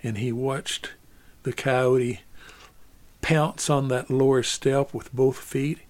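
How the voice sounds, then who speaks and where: A man telling a story in an unhurried, easygoing way, often repeating words as he gathers his thoughts. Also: mid-range voice, fairly even intonation, darkish tone. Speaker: storyteller and singer.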